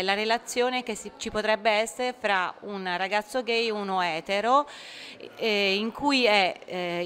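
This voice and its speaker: A woman with a medium-pitched voice works as an interpreter. She relays an explanation hesitantly, assembling each sentence as she speaks. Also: a bit bright, a little hiss or hum. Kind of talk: spoken consecutive interpreting.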